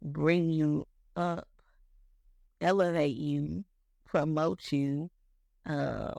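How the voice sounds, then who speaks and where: A speaker in their mid-thirties talks casually about faith on a podcast, rambling, repeating words, and leaning on "like" and "you know." The voice is mid-range with a steady, dark tone, extremely slow and marked by vocal fry. The studio sound is clean with no echo.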